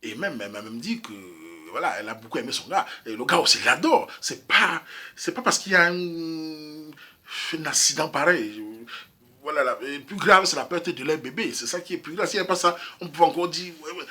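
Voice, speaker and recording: A man from Cameroon delivers a casual opinion monologue, emphatic and repetitive, turning to address his listeners directly. His voice is bright and a little husky, sitting somewhat high for a man, and the words come quickly. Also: animated. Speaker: YouTube commentator. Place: Europe.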